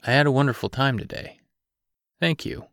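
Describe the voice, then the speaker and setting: An eager, wide-eyed grown man who gets thrilled by small things, read by a male audiobook narrator. The voice is smooth and clear, sitting a touch higher than the narrator's own. It is recorded dry and close. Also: normal speed, a bit bright, dry recording, lightly acted. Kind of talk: audiobook character reading.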